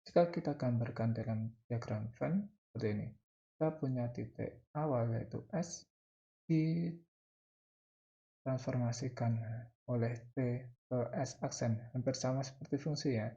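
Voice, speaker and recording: A man with an Indonesian accent gives a spoken math lesson, explaining step by step, dictating in short phrases and repeating key terms. His medium-pitched voice is creaky and dark, at normal speed, and the highs are cut off.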